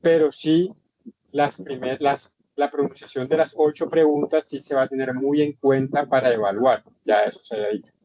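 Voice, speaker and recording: A man's voice: medium pitch, fairly even intonation, moderate pace, warm tone. A man lecturing in an online English class, explaining instructions with emphatic repetition. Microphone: computer mic in online session. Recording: dull lo-fi online session audio.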